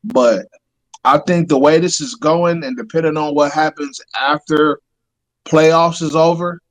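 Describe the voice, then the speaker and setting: A man with a slightly raised pitch co-hosts a sports talk show. He speaks loosely and with slang, dropping "like" and "bro" between thoughts. His delivery is lively and casual. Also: a little slow, low-quality recording. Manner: slangy, animated, fillers like "like" and "bro". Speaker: podcast co-host.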